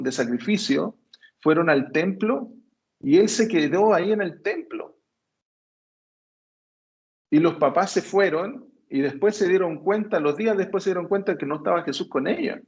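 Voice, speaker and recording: A man preaching a teaching sermon, explaining step by step and checking in with listeners as he goes. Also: on the high side.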